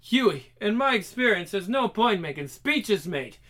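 An actor playing a hardened, profane crew leader with a British accent in a video game cutscene. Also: male voice, sits high, sing-song, unhurried, pushed and bright, heavily acted. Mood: blunt. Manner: blunt, profane, dismissive. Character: hardened gruff man, blunt leader of a crew.

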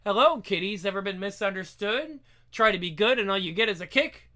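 Man's act as a creepy storybook horror host, evil chuckle, gleeful, punning, high-pitched, very lively. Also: brisk. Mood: gleeful, mocking. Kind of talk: horror anthology host narration.

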